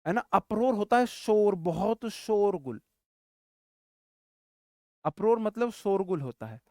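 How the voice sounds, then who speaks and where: Male teacher, fairly high voice, dry close recording, animated classroom lecture, repeats words, quick rhetorical questions. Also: no room sound. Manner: jokey memory tricks, calls listeners brother. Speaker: English vocabulary teacher.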